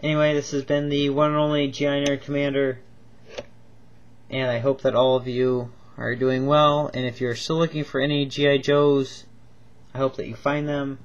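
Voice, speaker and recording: A man's voice: mid-range voice, level tone, normal speed, dull audio. A man with a cold reviewing toy figures in a casual home video, rambling and enthusiastic with lots of ums and repeats. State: stuffed up with a cold, coughing.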